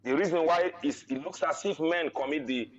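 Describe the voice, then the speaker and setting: A man argues his point over a muffled, lo-fi internet call, and every phrase comes back as an echo from a second device. He stumbles and repeats words as he presses on. His voice sits a touch higher than most men's. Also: a little fast. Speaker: remote panel guest. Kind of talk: heated podcast debate. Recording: dull lo-fi call audio with echo.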